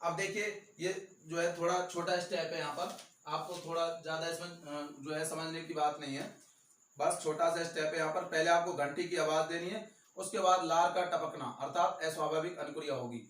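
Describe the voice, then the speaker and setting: A male teacher with a Rajasthani accent gives an exam-prep lecture, repeating key terms slowly and stressing them. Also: fairly high pitch, steady tone, fairly bright tone, slight background noise. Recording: echoey room, voice from far off.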